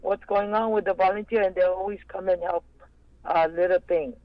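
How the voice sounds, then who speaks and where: A woman from Korea with a Korean accent, a cheerful, laughing radio guest who speaks in halting English. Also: medium pitch, steady tone, dry recording, dull audio. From South Korea. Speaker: guest, community volunteer. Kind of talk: casual radio chat.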